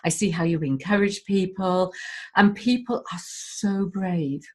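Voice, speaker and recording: A woman's voice: fairly low pitch, measured pace, a little mellow. A woman speaking as a guest in a candid conversation, heartfelt and emotional, swearing casually as she talks.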